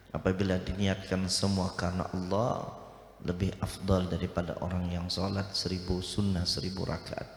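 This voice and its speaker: A man hosting a religious gathering, giving steady, formal closing remarks after a sermon, heard in an echoey hall with long reverb. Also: sits low, vocal fry. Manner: steady, formal, pious phrasing. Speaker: event host.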